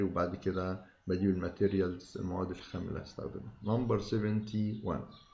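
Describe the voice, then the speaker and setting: A man with an Egyptian Arabic accent who teaches English in a revision lesson. He reads each English sentence slowly, then explains it quickly in Arabic. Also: deep voice, warm tone, muffled recording. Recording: echoey room with faint noise.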